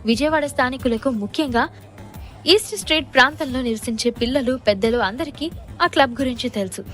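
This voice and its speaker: A woman's voice: high-pitched, a little fast, a bit bright, faint music behind. A woman narrator telling a dramatic audio story in scripted, storytelling delivery.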